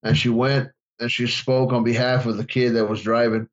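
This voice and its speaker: A man's voice: medium pitch, moderate pace. Bro-talking man telling a story, lo-fi. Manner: animated storyteller, says bro and dude, restarts often. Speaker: podcast co-host. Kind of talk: casual storytelling. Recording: slightly dull lo-fi audio.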